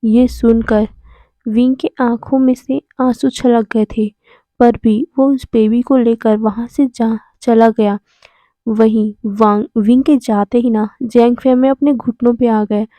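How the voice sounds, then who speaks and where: A woman's voice: a little high, steady tone, a little slow, warm tone, dry recording. A woman retelling a fan fiction story, reading out every character's lines in her own voice. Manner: narrates and reads all characters' lines in the same voice. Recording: dull, lo-fi, dry recording.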